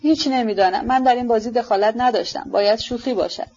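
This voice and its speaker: A woman reading an audiobook, voicing a gentle, earnest young nobleman who speaks softly and sincerely. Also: a little high, muffled recording. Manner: soft, hesitant, sincere.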